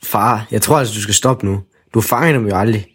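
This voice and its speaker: A man reading a calm doubtful boy, even voice, storybook. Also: fairly low pitch, husky. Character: skeptical sensible young boy.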